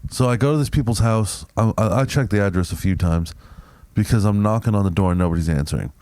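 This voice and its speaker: Podcast guy telling a delivery story, low mellow voice, dry close mic, says bro a lot. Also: fast talker, smooth, no echo. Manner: animated storyteller, acts out both sides of a story; swears casually, says bro. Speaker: podcast co-host.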